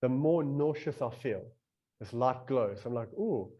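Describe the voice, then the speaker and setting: A man in a laid-back podcast conversation rambles through a long story, lively and playing the part of his inner voice. He speaks in a mid-range voice at a measured pace, and the audio is lo-fi.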